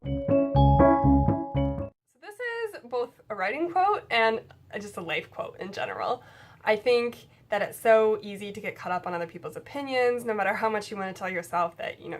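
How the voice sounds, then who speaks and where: A woman's voice: mid-range voice, big pitch swings, moderate pace, soft background music. A young woman talking casually to camera about writing, frank and chatty, swearing now and then. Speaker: writing vlogger.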